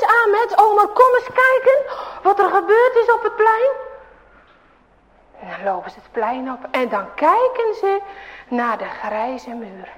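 Woman reading a children's story, high and lively, long hall echo. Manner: animated, expressive.

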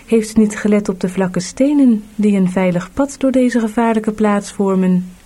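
A woman voicing a calm, helpful male rescuer in a storybook audiobook, steady and instructive. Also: medium pitch, moderate pace, close to an everyday voice.

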